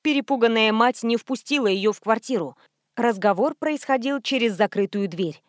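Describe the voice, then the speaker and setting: A woman reads a detective novel aloud in a steady, even way. Her voice sits fairly high, and it is recorded close and bone-dry with no room sound. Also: normal speed, dry recording. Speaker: audiobook narrator. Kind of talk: scripted narration.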